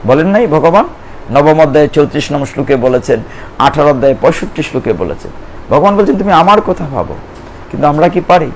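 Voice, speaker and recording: A man's voice: fairly high pitch, sing-song, fast talker, a little hiss or hum, rough recording. A man giving a devotional sermon on scripture to a gathering, earnestly addressing his listeners. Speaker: Gita preacher.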